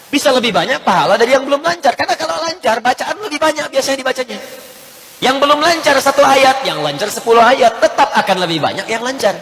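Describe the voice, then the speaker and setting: A man preaching a lively sermon to a congregation, joking and swinging from low murmurs to loud emphatic lines, now and then chanting Arabic phrases. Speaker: ustaz, preacher. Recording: long hall reverb with faint hiss.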